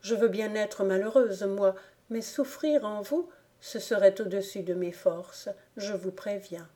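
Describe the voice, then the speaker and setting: A woman reading the lines of a grave, dignified young woman, earnest and measured. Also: mid-range voice, steady tone, dark tone, lightly acted. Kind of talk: audiobook character reading.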